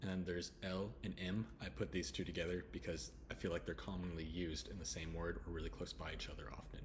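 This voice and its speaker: A man from the United States giving a relaxed English pronunciation lesson, repeating each sound slowly with chatty asides. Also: deep voice, slight background noise. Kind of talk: slide-based pronunciation lesson.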